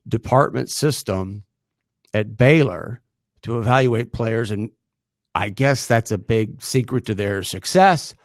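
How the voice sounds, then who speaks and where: A middle-aged man hosts a sports talk show from a close studio mic, in a gravelly, slightly creaky voice at an ordinary pitch. He talks in a sarcastic, animated way and chuckles as he goes. The sound is dry and close. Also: no room sound. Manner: sarcastic, animated, laughs while talking.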